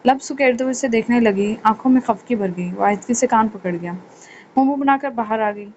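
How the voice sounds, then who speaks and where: A woman's voice: a little high, a little fast, a little mellow, lo-fi sound, slight background noise. Woman reading a romance novel aloud. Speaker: audio novel reader. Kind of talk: scripted narration.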